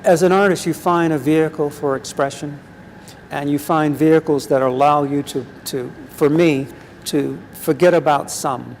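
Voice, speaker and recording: An older man in his seventies speaks with a gravelly texture and a slightly raised pitch, talking slowly and thoughtfully about his work. His voice carries through a reverberant gallery space. A faint hum sits underneath. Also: fairly even intonation, a little mellow. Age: 70s. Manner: measured, reflective, pauses with ums. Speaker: artist. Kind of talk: gallery conversation. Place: large art gallery.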